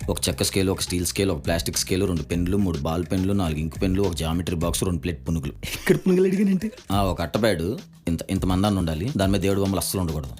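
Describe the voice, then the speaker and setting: An actor playing an anxious young writer who talks fast and nervously in a film. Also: male voice, sits low, expressive, darkish tone, faint music behind. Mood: rambling. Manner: rapid, nervous, rambling. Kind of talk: film acting. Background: film score.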